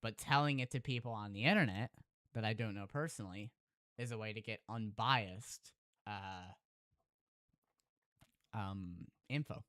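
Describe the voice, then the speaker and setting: A man's voice: lowish voice, dry recording, studio quality. A man, a Minecraft YouTuber, earnestly telling an emotional story and then chatting casually with his viewers. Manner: earnest, heartfelt, slows down and softens at emotional moments; addresses the audience directly as "chat", with fillers and restarts.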